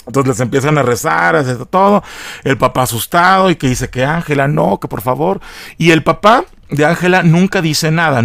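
A man's voice: fairly high pitch, vocal fry, fairly bright tone, no room sound, studio quality. Profane mocking Mexican man recapping. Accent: Mexican Spanish. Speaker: film reviewer. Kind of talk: casual spoken film recap.

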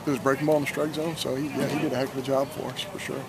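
A middle-aged man speaks as a baseball coach in a postgame interview, talking fast in an even, flat tone. He is earnest and measured, often repeating a word as he restarts a thought. He was recorded close up on a camcorder in an outdoor stadium at night, with clear outdoor noise behind him. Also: medium pitch.

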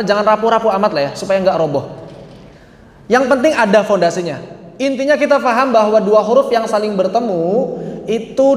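A man teaching a casual lesson on Quran recitation rules, lively, asking the class questions and answering them himself, spelling out letters slowly. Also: high-pitched. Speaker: tajwid teacher. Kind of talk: casual lecture. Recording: echoey room with long reverb.

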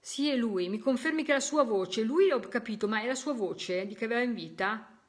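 A woman's voice: fairly high pitch, animated, brisk, slight background noise. A woman hosting a live spiritualist session, talking straight to her viewers, coaxing them to listen and exclaiming her delight again and again, physically tired. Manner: effusive, exclaims delight repeatedly; coaxing, addresses listeners directly. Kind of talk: live-stream commentary to viewers.

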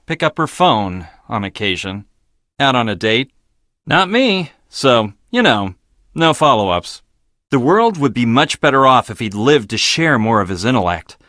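An actor voices an arrogant, blunt and logical research scientist in a video game, delivering lines in a clipped, dismissive, pedantic way. The male voice is medium-pitched, with a bright, forceful tone. The recording is dry, with clean studio sound.

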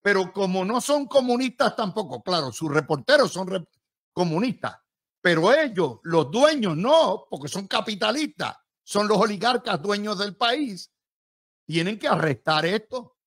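A man with a Puerto Rican accent delivering political commentary in a high-pitched voice for a male speaker. He talks emphatically, with a combative and sarcastic edge, and often swings up sharply in pitch to stress a point. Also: sing-song, measured pace, fairly bright tone. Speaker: political analyst.

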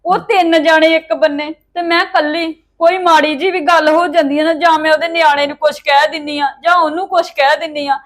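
A woman's voice: high-pitched, fairly even intonation, brisk, few pauses, fairly bright tone. An actress with a Punjabi accent playing a married daughter who weeps and complains about her in-laws. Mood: complaining. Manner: tearful complaining. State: crying.

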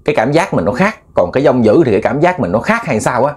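A man's voice: mid-range voice, sing-song, fast, husky. A man with a Southern Vietnamese accent telling a ghost story in a chatty, repetitive way, addressing listeners as family. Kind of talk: casual spoken storytelling.

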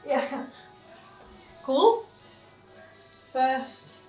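A woman's voice: high voice, animated, drawn-out words. A young woman vlogging casually, chatty and laughing as she builds her home gym. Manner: chatty, laughing, swears under breath while building. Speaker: vlogger, personal trainer. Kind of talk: casual vlog chat. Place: basement home gym with bare brick walls. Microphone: camera on a tripod across the room. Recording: echoey room, camera far off, light music.

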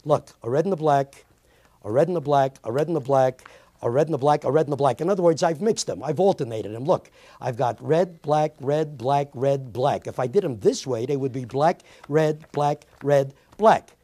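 A man's voice: medium pitch, normal speed, mellow, no echo. A man performing as a magician, giving playful showman's patter and step-by-step instructions for a card trick.

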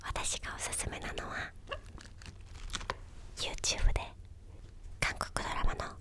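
A young woman chatting casually in a soft, breathy ASMR whisper, close to a desktop microphone in a small room. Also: slow pace. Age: young adult. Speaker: ASMR video creator. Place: small quiet indoor room with a bed or sofa. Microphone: desktop condenser microphone, close up.

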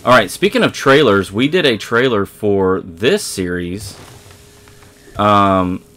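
A man with a low voice hosts a casual let's play, talking straight to his viewers as he plays. He rambles and corrects himself mid-sentence, filling gaps with easygoing chatter. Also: slow pace, a bit bright. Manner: rambling, self-correcting, talks to viewers while playing. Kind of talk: casual gameplay commentary.

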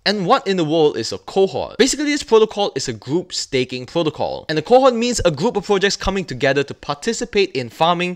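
A man's voice: a little high, a bit bright. A young man hosting a screen-share crypto review from a small room at home, talking viewers through websites step by step in a hyped, promotional way.

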